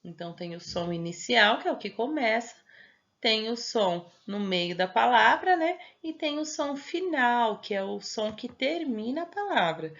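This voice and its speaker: A woman's voice: on the high side, big pitch swings, unhurried, a bit bright, lo-fi sound. A Brazilian Portuguese-accented woman teacher patiently explaining homework step by step to young children, often checking they follow. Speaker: primary school teacher.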